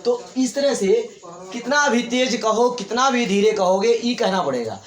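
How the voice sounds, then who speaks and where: A man's voice: very high-pitched, expressive, a little slow. A man teaching English grammar to a class, repeating points and quizzing his students. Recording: echoey room, faint hiss.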